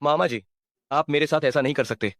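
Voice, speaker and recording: A man's voice: a little high, a little fast, no room sound, studio quality, close to an everyday voice. A man playing a flustered young intern. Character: young male intern, a rich man's nephew, timid. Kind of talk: dubbed drama acting. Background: soft background music.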